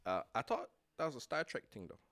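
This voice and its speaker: A man with a lively, swooping voice tells a rambling story to his friends. He talks over the others and flares up easily when they laugh at him. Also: mid-range voice, quick pace. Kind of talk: casual chat among friends.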